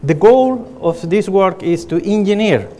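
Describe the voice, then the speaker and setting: Speaking a little slowly, a middle-aged pathologist from Chile gives an earnest presentation in a reverberant conference hall, with frequent fillers and restarts. He has a Chilean Spanish accent and a high-pitched, warm voice with lively intonation.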